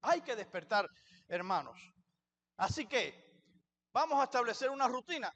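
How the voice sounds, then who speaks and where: A man's voice: extremely high pitch, very animated, moderate pace, fairly bright tone. A man preaching a sermon in a church as pastor, asking the congregation questions and answering them himself.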